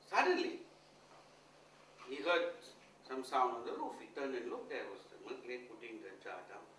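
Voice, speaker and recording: A man telling a story to a live audience in an animated way, often checking that his listeners are following. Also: medium pitch, a little slow, pauses often, a little hiss or hum. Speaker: motivational speaker. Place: large event hall. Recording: echoey hall, far from mic.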